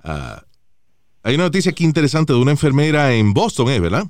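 A male podcast host chatting casually, his pitch bouncing around as he tells stories and swears freely. His voice is smooth and clear. It sounds dry and close on a studio microphone. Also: quick pace, dry recording. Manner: animated, mixes Spanish and English, swears freely. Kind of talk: casual chat.

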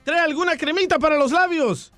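A man playing a pompous male cavalry commander who shouts orders in a told joke. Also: very high voice, fairly quick, soft background music, voice pushed up. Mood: commanding.

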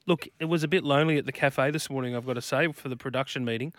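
A man's voice: medium pitch, fast, fairly bright tone, no room sound. A man, a sports journalist, chatting casually on a radio panel. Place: radio studio.

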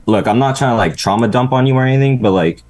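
A man's voice: mid-range voice, fast, darkish tone. A young man talking like a frat bro, casual, slangy and full of swearing, as a caller on a talk show. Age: young adult. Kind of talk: casual chat.

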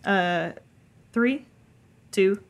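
A woman's voice: mid-range voice, very slow. A woman hosting a casual film chat, leading the segments with enthusiasm. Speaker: podcast host.

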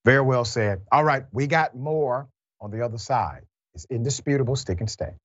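A man's voice: medium pitch, moderate pace, dry recording. A man hosting a news commentary show, talking animatedly and mocking the people he quotes. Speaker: show host. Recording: dull dry lo-fi sound.

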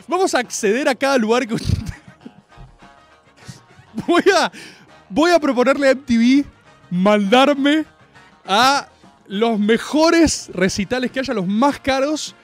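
A man with an Argentine accent, hosting a stream and ranting comically and sarcastically to his audience. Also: sits high. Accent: Argentine Spanish. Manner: exasperated, sarcastic, mimics crowd screams.

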